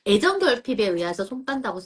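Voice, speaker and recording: A woman coaching parents in a live-stream Q&A, lively and reassuring, talking straight to the mothers. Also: on the high side, fairly quick, husky.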